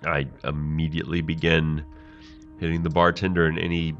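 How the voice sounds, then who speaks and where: A man role-plays in a tabletop game with a deep, creaky voice. He phrases things in a wordy, genteel way. The sound is slightly dull, with music underneath. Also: monotone, moderate pace, a bit bright. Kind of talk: casual in-character role-play. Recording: dull lo-fi mic, music behind.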